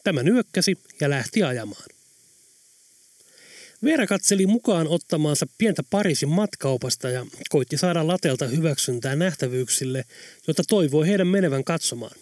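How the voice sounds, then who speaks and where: A man narrates an audiobook in a steady, measured way. His voice sits a little high for a man. The recording is dry and close. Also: no room sound.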